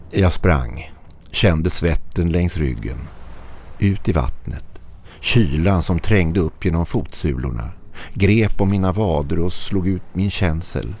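Low, dark-voiced man narrating a horror story. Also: slight background noise. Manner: tense first-person storytelling in short clipped phrases.

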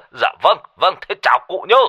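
A man's voice: high voice, animated, a little slow, sharp tone, husky, pitched above the performer's own voice, full character voice. A man voicing a jovial old man, chatting with hesitant fillers.

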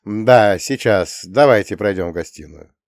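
A man's voice: fairly low pitch, a little slow, no room sound, studio quality, natural voice. A man voicing a resolute young adult son who speaks decisively and bluntly in an audiobook. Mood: calming. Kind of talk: audiobook character voice.

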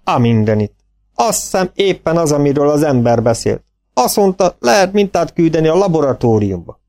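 A man's voice: on the high side, sing-song, darkish tone, pitched above the performer's own voice. A man voicing a big, stately old farmer who talks in rustic country dialect, in an audiobook. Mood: insistent.

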